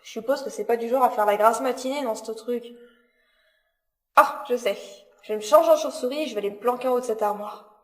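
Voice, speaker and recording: A woman's voice: on the high side, quick pace, natural voice. A woman playing a grumbling, sardonic, exclamatory druid in a fantasy audio drama. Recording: roomy, echoing sound.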